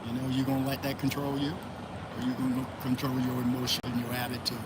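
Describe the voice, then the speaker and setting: A Florida man hosts a casual motivational livestream outdoors amid loud traffic noise, greeting chat viewers by name and talking loosely. His mid-range voice is completely flat and a little fast.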